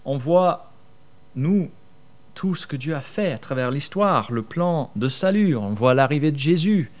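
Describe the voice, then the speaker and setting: A man's voice: fairly high pitch, animated, a little slow. A man preaching a sermon conversationally, asking his listeners questions and acting out his own worries. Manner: conversational, rhetorical questions, acts out worries in whispers. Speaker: pastor.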